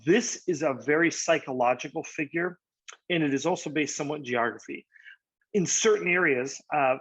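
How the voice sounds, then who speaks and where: A real estate agent casually walks through market charts, dropping frequent fillers and "right?" asides. His voice is a little high and slightly rough, at a normal speed with no echo. The audio is dry, slightly dull, and lo-fi.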